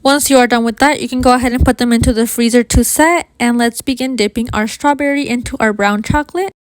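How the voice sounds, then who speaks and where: Lady doing a casual baking how-to, kinda high voice, bit of a lisp w whistly s, super dry sound. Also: fairly even intonation, fast talker, no echo. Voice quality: slight lisp with whistling s from new braces. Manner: addresses viewers informally as you guys. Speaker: baking video host. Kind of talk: scripted how-to narration, friendly tutorial.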